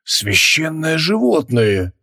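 A man's voice: medium pitch, expressive, a little fast, lightly acted. A man playing a haughty ancient archmage. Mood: awed. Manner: commanding, solemn. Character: ancient haughty male archmage, commanding and stern.

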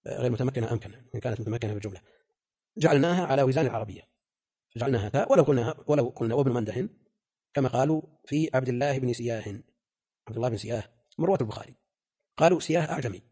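A man's voice: medium pitch, very fast, pauses often, warm tone, breathy edge. An older man teaching as a scholar, explaining a classical text in a lecture, emphatic and full of rhetorical questions. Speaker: scholar teaching hadith terminology.

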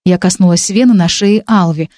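A woman narrating a first-person audiobook, expressive and animated, pushing her character's lines with urgency. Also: on the low side, normal speed, dry recording, clean studio sound.

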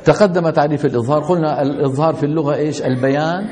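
A man's voice: fairly high pitch, very fast, a little mellow, a little hiss or hum. Man teaching a class. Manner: asks the class questions and answers them himself. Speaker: Quran recitation teacher. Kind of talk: classroom lesson on tajweed.

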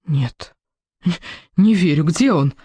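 A woman's voice: low voice, animated, slow, warm tone, husky, dry recording, exaggerated voice. A woman voicing a desperate young woman who cries out and pleads. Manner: pleading, crying out. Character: young woman, desperate over her wounded sweetheart.

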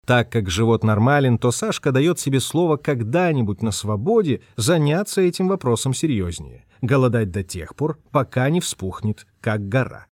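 A man narrating a storybook with an expressive, dramatic delivery. His pitch moves a lot, and the recording is close and dry. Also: moderate pace, hardly any pauses, no room sound.

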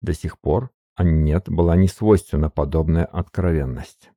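A man voicing a suave, weary older privy councillor in an audiobook, slow, measured and courteous. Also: rumbling low, mellow, dry recording, studio quality. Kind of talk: audiobook character reading.

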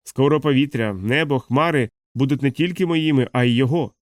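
A man voicing a boisterous winged vampire uncle who talks loudly, as if on an opera stage. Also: medium pitch, brisk, no room sound, studio quality, natural voice. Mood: exuberant. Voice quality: loud, operatic.

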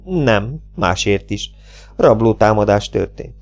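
A man voicing a calm, unbothered young Mexican male outlaw in an audiobook, with a gravelly voice. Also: on the low side, soft background music. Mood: calm, flat.

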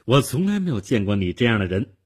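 A man's voice: on the low side, very animated, fast talker, darkish tone, husky, voice pushed up. A man playing a suspicious young male fugitive who talks in a guarded, grudging way in a storytelling performance.

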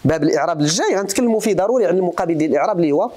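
A Moroccan man teaching grammar at a brisk clip. His voice swings widely up and down as he fires questions at the class and switches between formal exposition and casual asides. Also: high voice, lively intonation, warm tone. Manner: quizzes students, mixing formal Arabic with colloquial asides. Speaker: religious teacher. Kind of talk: grammar lesson to students.

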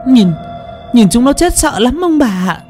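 A man's voice: extremely high pitch, sing-song, unhurried, a little mellow, faint music behind, pitched above the performer's own voice, full character voice. A man voicing a panicked young female kitchen maid who stammers in breathless alarm. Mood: frightened.

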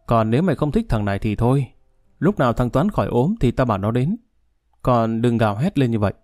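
Gruff, mocking male prison guard in a storybook reading, low mellow tone, as a male narrator reads him. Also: animated, fast, no echo, clean studio sound, close to an everyday voice. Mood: scolding. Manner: scolding, coarse.

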